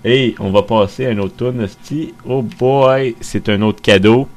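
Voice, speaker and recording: A man's voice: medium pitch, measured pace, darkish tone. A man with a Québécois French accent rambling casually about his CDs, loose and joking, swearing offhand. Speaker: vlogger playing his CDs. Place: dim room at home.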